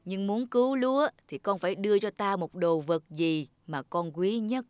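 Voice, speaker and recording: A woman voicing a kindly, wise old male Buddha spirit in a cartoon, speaking calmly and solemnly over children's music. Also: medium pitch, moderate pace, clean tone, natural voice. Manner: calm, solemn, instructive. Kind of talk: cartoon voice acting.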